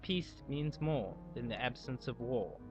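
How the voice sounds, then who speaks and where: A man calmly narrating a documentary voice-over. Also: medium pitch, a little slow. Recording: dull lo-fi voice-over with faint music.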